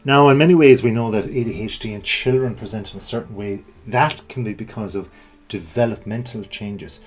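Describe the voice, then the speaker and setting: A man's voice: fairly low pitch, fairly quick, faint music behind. A middle-aged man presenting an informal explanatory talk, conversational, often checking in with the listener. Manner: conversational, rhetorical check-ins.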